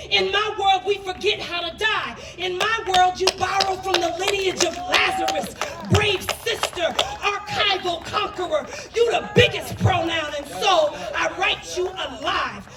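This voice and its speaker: Her voice is very high-pitched and bright, with a forceful tone, as this woman poet delivers spoken word in an impassioned, emphatic and dramatic way. Recorded from a distance, the sound carries a roomy echo.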